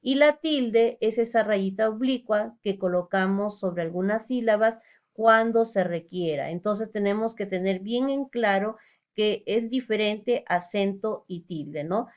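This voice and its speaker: A woman's voice: medium pitch, unhurried, lo-fi sound. A woman teacher giving a recorded lesson, explaining step by step and asking rhetorical questions.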